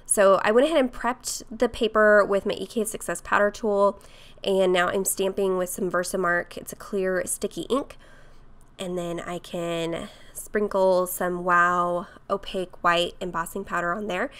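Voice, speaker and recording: A woman with a cold-roughened voice, chatting casually through a craft tutorial voice-over. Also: medium pitch, fairly even intonation, measured pace. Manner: chatty, with fillers and soft laughs. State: hoarse from a cold. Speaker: craft vlogger.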